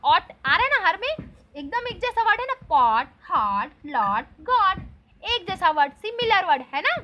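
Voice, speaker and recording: A woman's voice: very high-pitched, bright, forceful tone, slight background noise. A woman teaching an English lesson in Hindi, spelling out each word letter by letter and asking her students questions that she then answers herself. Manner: spells words out letter by letter, slow and patient.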